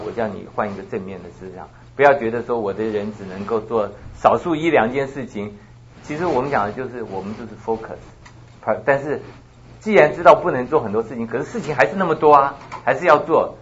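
Booming, fast-talking male class teacher. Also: lo-fi sound, a little hiss or hum. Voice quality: booming, loud voice. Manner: lively, quick, mixes in English words. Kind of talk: casual class talk.

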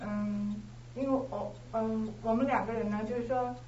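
A married woman sharing about her husband in class, hesitant with many pauses. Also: a little high, fairly even intonation, warm tone. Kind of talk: personal testimony sharing. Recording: roomy, distant, lo-fi with noise.

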